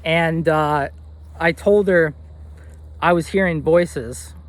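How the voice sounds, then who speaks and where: A man's voice: a little high, takes it slowly. A young man in his twenties telling a personal story in an earnest, rambling way, with fillers and restarts. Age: 20s. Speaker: vlogger.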